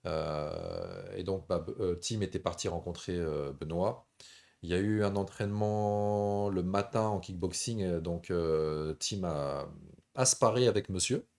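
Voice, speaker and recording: A man's voice: sits low, unhurried, creaky, darkish tone. A man with a radio-presenter voice that is easy to listen to, telling stories casually as host of a live stream. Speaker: host of a combat sports stream.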